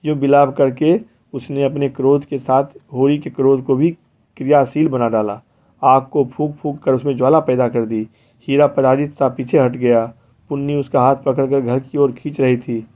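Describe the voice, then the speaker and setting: A man narrating a classic novel as an audiobook in a measured storytelling manner, recorded with dull lo-fi sound. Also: medium pitch, steady tone.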